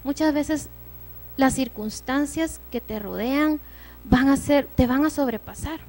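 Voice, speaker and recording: A woman's voice: high-pitched, measured pace, a little mellow, faint music behind. A woman giving a church sermon, preaching earnestly and conversationally with personal stories.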